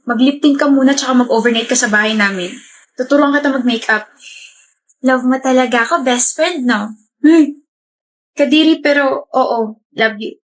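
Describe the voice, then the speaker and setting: A woman acting out short scripted comedy skits, bantering and teasing. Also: a little high. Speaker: skit creator.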